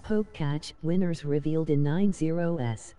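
Female computer voice, deep and very dark, flat robotic delivery reading messages. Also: a little slow. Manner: monotone, reads every message in the same even tone. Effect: text-to-speech computer voice. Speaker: chat messages read aloud on a stream.

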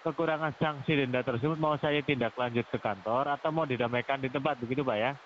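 Fast-talking man over a muffled phone line. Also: mid-range voice. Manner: polite but pushy, tags sentences with "ya". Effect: heard over a phone line. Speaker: caller posing as a police officer. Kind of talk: formal, official-sounding phone talk. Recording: dull, lo-fi phone line with faint hiss.

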